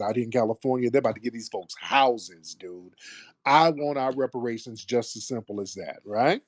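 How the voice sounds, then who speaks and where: A man's voice: mid-range voice, a little mellow, no echo, studio quality. An American man hosting a casual call-in debate, assertive and probing as he talks. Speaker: host of a live call-in talk show.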